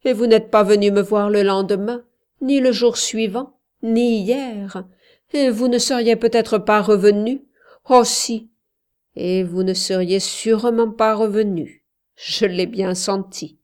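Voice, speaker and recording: A woman voicing a gentle, teasing young woman who softly coaxes her suitor in an audiobook. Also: on the high side, slow pace. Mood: wistful.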